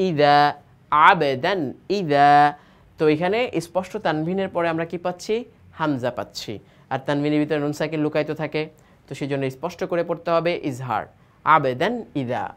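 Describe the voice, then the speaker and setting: A man from Bangladesh gives a Quran reading lesson. He spells each word letter by letter, then draws the blended word out slowly. He keeps asking quick questions and answering them himself. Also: a little high, a bit bright. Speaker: Quran recitation teacher.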